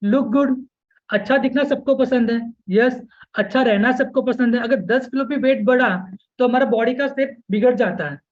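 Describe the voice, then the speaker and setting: Speaking Hindi laced with English words, a very high-voiced man runs a live online weight-loss coaching webinar at normal speed. He repeatedly asks "okay?" and says "yes" to check on his audience, and the recording has its highs cut off.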